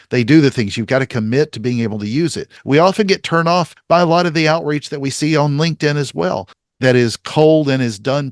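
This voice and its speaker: A male podcast host with a mid-range voice recaps advice from an interview, upbeat and emphatic, summarizing in a list-like way. The recording is dry and of studio quality.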